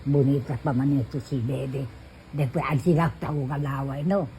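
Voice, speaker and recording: A woman's voice: very deep voice, steady tone, normal speed, gravelly, dark tone, a little hiss or hum, low-quality recording. A woman talking in playful, cooing baby talk to an infant, coaxing and laughing often.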